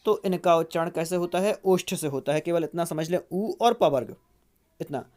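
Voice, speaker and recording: A teacher giving an exam-prep grammar lecture. The teacher explains step by step, putting questions to the class and then answering them. Each rule is repeated slowly, again and again, so it can be memorized. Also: mid-range voice, darkish tone.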